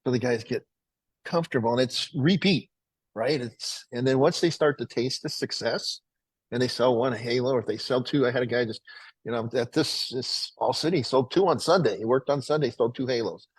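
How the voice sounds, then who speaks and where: A middle-aged man who founded a water filtration company, pitching it to plumbers on a webinar in a folksy, rambling way that keeps correcting itself. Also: normal speed, husky, dry recording, low-quality recording.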